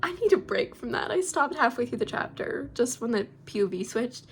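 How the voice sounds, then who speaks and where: A woman's voice: on the high side, animated, fairly quick. A young woman, rambling casually through a storytime chat at home, with lots of filler words and swearing. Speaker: book vlogger.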